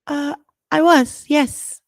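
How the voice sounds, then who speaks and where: A woman's voice: sits high, fairly even intonation, moderate pace, dry recording, studio quality, voice pushed up, lightly acted. A woman voicing a nervous, stammering schoolgirl. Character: clever schoolgirl, anxious and quick-thinking.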